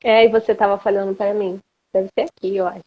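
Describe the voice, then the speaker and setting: Uma mulher com sotaque brasileiro fala de forma paciente e explicativa numa live, enquanto a conexão da chamada falha e trava. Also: female voice, mid-range voice, little pitch movement, quick pace. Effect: internet call audio breaking up and lagging. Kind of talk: casual live-stream chat. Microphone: video call. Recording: muffled lo-fi video call audio.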